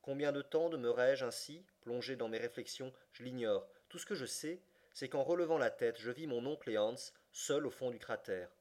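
A man reads a classic adventure novel aloud for an audiobook, at an ordinary middle pitch. His narration is expressive and lifts sharply when the story grows excited. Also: normal speed, few pauses. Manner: expressive reading that rises sharply for excited passages. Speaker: audiobook reader.

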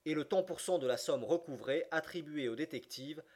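A man narrating an audiobook with a steady, measured reading. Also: a little high. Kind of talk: scripted narration.

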